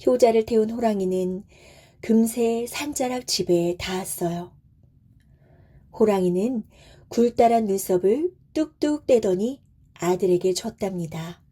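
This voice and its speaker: Soft, slow bedtime storyteller woman. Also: mid-range voice. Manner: soft, soothing, gentle.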